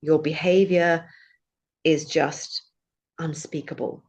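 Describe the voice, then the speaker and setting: A woman speaks with care as a former prosecutor. She explains formal legal words clearly and gives examples of each. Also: low-pitched, fairly even intonation, slow, darkish tone. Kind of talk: conversational explanation.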